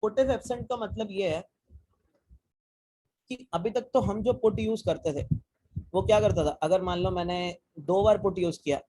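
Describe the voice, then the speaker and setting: High, mellow-voiced man teaching code. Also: measured pace, pauses often, husky, poor audio. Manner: talks students through code step by step, asking them questions; casual, mixes English technical terms into Hindi. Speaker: programming teacher. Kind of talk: live online coding class.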